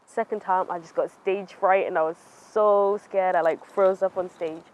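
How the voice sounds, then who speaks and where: A woman's voice: mid-range voice, steady tone, moderate pace, darkish tone, highs cut off. A young woman in her late teens from North East England, talking reflectively in a documentary interview. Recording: music playing under the voice. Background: background music.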